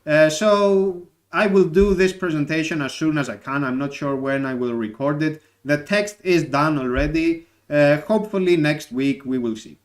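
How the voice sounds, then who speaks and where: A young man from Greece, a native Greek speaker, talking through a live stream with slightly raised pitch. He thinks aloud, pausing often with fillers, in a casual, reflective way. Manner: thoughtful, many filler pauses.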